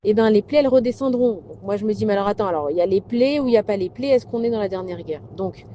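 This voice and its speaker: A woman teacher giving a recorded religious class, speaking conversationally and posing rhetorical questions. Her voice is mellow and warm-toned at a middling pitch. A faint ambient noise sits behind her. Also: lively intonation, fast talker, lo-fi sound.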